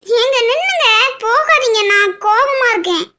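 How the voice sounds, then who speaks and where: A young cartoon wife, very high, bright, clingy, pleading and teasing. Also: female voice, lively intonation, brisk, exaggerated voice. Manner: pleading and teasing, often tearful. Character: young wife Karthi, affectionate, emotional, clingy. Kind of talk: cartoon voice acting.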